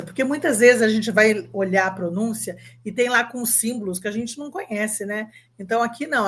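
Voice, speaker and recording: A woman's voice: a little high, a bit bright. Upbeat Brazilian woman teaching English. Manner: upbeat, coaxing, asks the viewer to answer; drills words slowly, spells them out letter by letter. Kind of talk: online English lesson.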